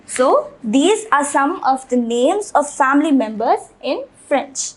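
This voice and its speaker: This unhurried French lesson comes from a woman whose high, bright voice swings widely in pitch. She repeats every word several times in a deliberate, patient classroom manner, but the recording is low quality.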